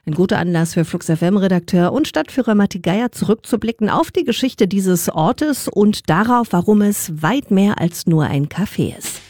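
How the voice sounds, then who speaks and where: A woman reads her radio script with lively, animated pitch and clear diction. The sound is close and dry, with no room echo. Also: moderate pace, few pauses. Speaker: radio presenter.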